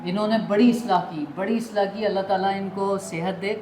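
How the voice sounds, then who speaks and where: A male interview host who praises his guest warmly and laughs often. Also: high voice, fairly even intonation, over music. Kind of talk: casual interview. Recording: echoey, noisy room.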